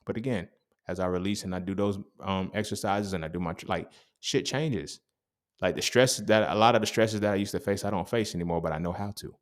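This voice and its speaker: A man's voice: low-pitched, fairly quick. A young man hosting a casual motivational monologue, emphatic and profane, who keeps checking in with his listener. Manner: profane, emphatic, keeps asking "you feel me?". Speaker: podcast host.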